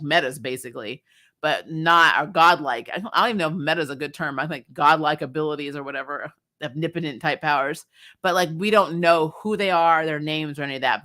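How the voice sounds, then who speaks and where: This is the host of a TV recap show, middle-aged and raised on military bases, speaking at a medium pitch with a pushed, bright quality. The review chat is casual, opinionated and blunt, full of exasperation and free swearing.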